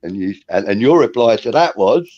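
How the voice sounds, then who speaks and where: A man's voice: on the low side, expressive, moderate pace, a little mellow, dry recording. A man hosting a casual fan chat show, telling stories with lots of ums and laughs. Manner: chatty storyteller, laughs often, says um and uh. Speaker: host of a fan talk show. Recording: dull lo-fi recording.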